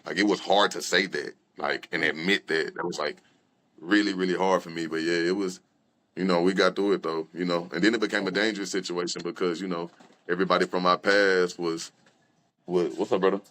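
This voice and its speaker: A man's voice: sits low, fairly even intonation, a little fast, fairly bright tone. A young man, a rapper and guest, telling his personal story candidly in loose conversational talk with many fillers and restarts. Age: young adult.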